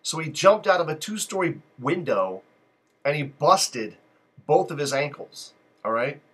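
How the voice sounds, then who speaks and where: Husky, bright-voiced rambling male host. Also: on the high side, animated, measured pace. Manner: digressive, loose and joking. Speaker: live call-in show host. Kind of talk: rambling live-stream monologue.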